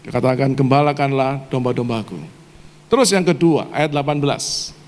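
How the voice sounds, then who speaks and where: A man's voice: medium pitch, moderate pace, darkish tone. A male pastor preaching a sermon to a live congregation, often quizzing them with questions they answer aloud. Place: church service hall. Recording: reverberant church hall.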